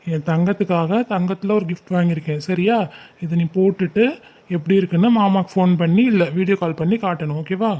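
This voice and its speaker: Soft coaxing young uncle, keeps asking "okay?", lowish voice. a woman plays him. dull recording. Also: fairly quick, lightly acted. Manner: soothing, coaxing, repeats "okay?". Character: young male uncle, college student, gentle and coaxing.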